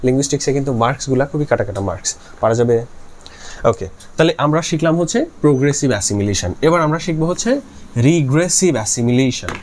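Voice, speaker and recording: A man's voice: mid-range voice, animated, fast, darkish tone, slight background noise. A man teaching linguistics in a lecture style, who models sounds by repeating words aloud and asks and answers his own questions. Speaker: linguistics tutor. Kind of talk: explanatory lecture.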